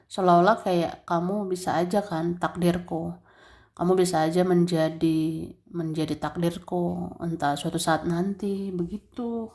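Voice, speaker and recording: A woman giving a general tarot reading straight to the listener in a relaxed, chatty way, with many fillers and soft laughs. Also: on the low side. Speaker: tarot reader.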